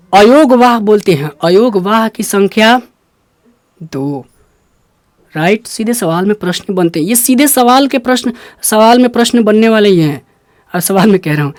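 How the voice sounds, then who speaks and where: A high-pitched man with a Bihari Hindi accent leads a Hindi pronunciation lesson, explaining each step and repeating sounds slowly. The recording has no echo.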